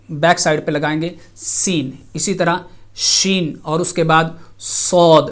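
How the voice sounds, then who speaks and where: A middle-aged man teaching Quran letter pronunciation in a televised lesson, speaking slowly and carefully and repeating each letter sound. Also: a little high, a bit bright.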